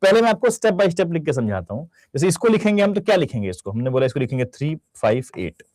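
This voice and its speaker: A man's voice: a little high, fast talker, no echo. Young male Hindi-accented exam tutor, bouncy intonation, dry close studio sound. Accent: Indian Hindi. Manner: lively, talks straight to students, mixes Hindi with English phrases. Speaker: banking exam reasoning teacher. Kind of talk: recorded online lecture. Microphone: close studio mic.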